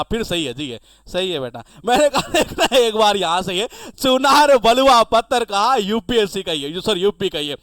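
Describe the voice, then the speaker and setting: A man's voice: high voice, fairly bright tone, dry recording. A male teacher giving an exam-prep lesson, chatty and acting out little dialogues to teach memory tricks.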